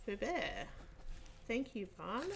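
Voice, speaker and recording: A woman's voice: medium pitch, big pitch swings, slow pace, vocal fry, heavy background noise. A woman hosting a giveaway draw in casual chat, reading names aloud and laughing often. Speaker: host drawing giveaway winners.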